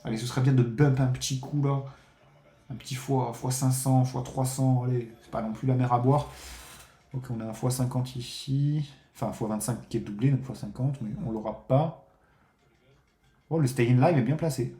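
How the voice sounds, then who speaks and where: A man's voice: mid-range voice, moderate pace, reverberant. A man streaming a live casino game, commenting on his bets with frequent swearing and talking to viewers as friends. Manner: excitable, swears often, addresses viewers as friends.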